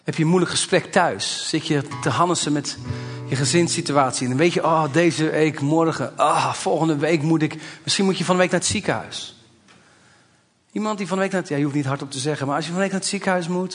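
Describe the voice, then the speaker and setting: A man's voice: fairly high pitch, a bit bright. A man in his forties, a pastor, preaching a sermon in a church, speaking conversationally and building to emphatic exhortation. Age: 40s.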